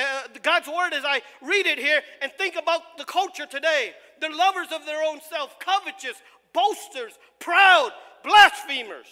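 Man raised in the US, preaching hard in a church; piercing bright tone, stumbles and shouts for emphasis. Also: very high voice. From United States. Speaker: pastor. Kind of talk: sermon. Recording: long reverb of a large hall.

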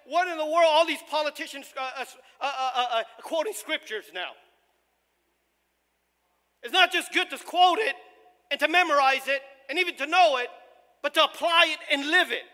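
Male pastor, very high voice, fiery sermon, shouting emphasis, stumbling fillers, long hall reverb. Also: moderate pace. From United States. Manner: impassioned preaching with shouted emphasis and frequent stumbles.

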